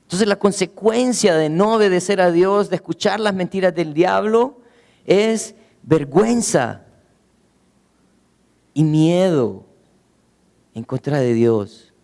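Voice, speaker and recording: A man preaching a sermon as pastor, earnestly asking rhetorical questions and slowing down, going low for emphasis. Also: gravelly, darkish tone, big-room sound. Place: church.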